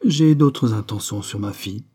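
A proud, stiff mother who answers curtly and holds her ground, voiced by a man in a raised pitch. The voice stays dark and slightly husky. An audiobook reading. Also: moderate pace, lightly acted. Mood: defensive. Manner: curt and firm.

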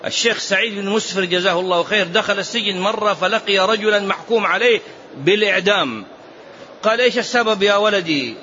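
A man teaching a religious lesson as a sheikh, telling stories and urging his listeners with animated exhortations. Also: high-pitched, fast. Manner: animated storytelling with urgent exhortations. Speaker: sheikh teaching a hadith book. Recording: dull lo-fi recording, faint hiss.

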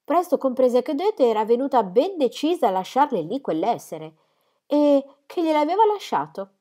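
A woman's voice: sits high, moderate pace. A woman reading a children's novel aloud expressively. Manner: expressive, lively. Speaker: reader. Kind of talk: storybook reading.

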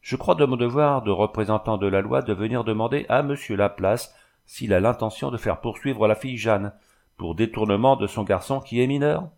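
A man's voice: lowish voice, normal speed, vocal fry, a little mellow. A man voicing a pompous, self-important village mayor in a storybook reading. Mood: officious. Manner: officious, pompous.

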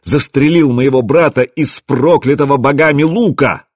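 Man voicing a screaming angry Viking, raised pitch, husky, dry close sound. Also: lively intonation, normal speed, dry recording. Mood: furious shouting. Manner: shouting, hysterical. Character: furious hysterical Viking warrior man.

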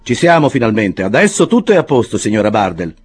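A man reading an audiobook, voicing a smug young law clerk with falsely polite, drawn-out phrasing. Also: fairly low pitch, sing-song, a little mellow, slightly rough, voice pushed up, full character voice.

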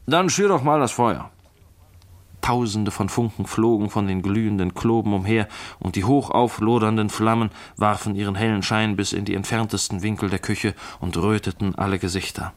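A man reading a classic novel aloud as narrator, in a measured, clear storytelling manner. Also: fairly low pitch, flat delivery. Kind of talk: scripted literary reading.

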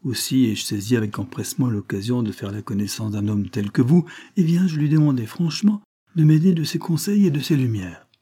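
A man reading aloud, voicing a smooth foreign gentleman who plays a naive count, effusive and ingratiating. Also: medium pitch, a little fast, natural voice.

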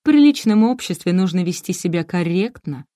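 An icy, condescending middle-aged woman speaks in a low, unhurried voice, read out by a female narrator. She sounds bored and dismissive, and the recording is dry and close. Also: lively intonation, warm tone, no room sound, natural voice. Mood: cold. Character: cold, haughty middle-aged woman, indifferent mother. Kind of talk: audiobook character reading.

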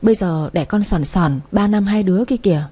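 A woman's voice: mid-range voice, fairly quick, dark tone, husky, natural voice. A woman voicing a caring older mother who scolds her daughter fondly on the phone.

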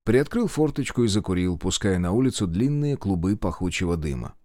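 A man narrating an audiobook with expressive storytelling. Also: deep voice, fairly quick, no room sound, clean studio sound.

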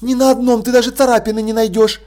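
A man's voice: extremely high pitch, flat delivery, fast, dark tone. A man voicing a young female watch corporal, speaking in a matter-of-fact way. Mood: dry.

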